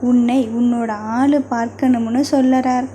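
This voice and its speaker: Female narrator playing a playful younger sister; flat melody, dark warm tone. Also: on the high side, normal speed, a little hiss or hum, close to an everyday voice. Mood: teasing. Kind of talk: audio novel reading.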